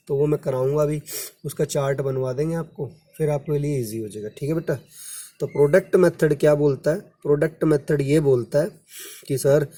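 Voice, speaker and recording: Male teacher, husky voice, somewhat high pitch, classroom lecture, addresses students as kids. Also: mellow. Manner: counts months aloud, calls students "बेटा", quotes their questions. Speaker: commerce teacher.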